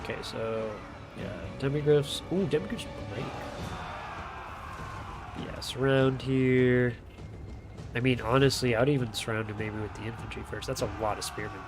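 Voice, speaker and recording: Casual male game caster, nasal and congested, mid-pitched, chatty play-by-play over background music. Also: fairly even intonation, normal speed. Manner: loose and chatty, swears casually, lots of fillers. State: blocked sinuses. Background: music playing.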